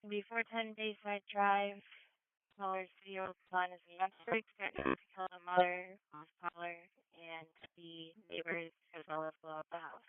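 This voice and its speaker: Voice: mid-range voice, level tone, moderate pace, clear, resonant tone. A police dispatcher giving terse codes and addresses over two-way radio. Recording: narrow tinny scanner radio audio.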